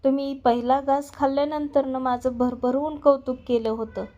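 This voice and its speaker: A defiant young bride, bitter and resentful, firing off sharp questions in a rather high voice, as a woman storyteller reads her lines. She keeps a fairly flat, even tone while scolding. It sounds like a retold serial episode. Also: moderate pace, muffled recording, natural voice. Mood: reproachful.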